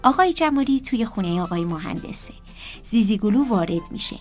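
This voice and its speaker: A woman narrating a children's story in a lively way, talking straight to the kids. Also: medium pitch, faint music behind. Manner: lively, addresses children directly.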